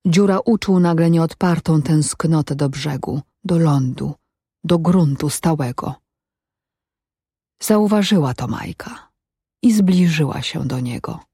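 Calm woman narrating an audiobook, lowish voice, dry close sound. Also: husky, dry recording. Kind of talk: scripted narration.

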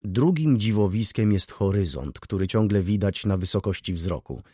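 A man voicing a brooding, jealous middle-aged merchant who thinks gloomily and explains calmly in an audiobook. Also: on the low side, normal speed, husky, no room sound, clean studio sound. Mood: explaining.

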